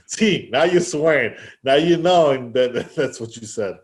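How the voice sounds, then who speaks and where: A man's voice: medium pitch, expressive, a little slow. A man co-hosting a casual podcast over a remote call, teasing his partner and laughing a lot. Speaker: podcast co-host. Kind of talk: casual banter. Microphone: headphones, remote call.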